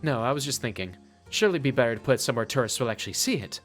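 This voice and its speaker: A streamer reads a composed, polite woman investigator in a game. He uses his own bright, forceful voice, and keeps it poised and formal. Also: medium pitch, expressive, very fast, faint music behind, close to an everyday voice.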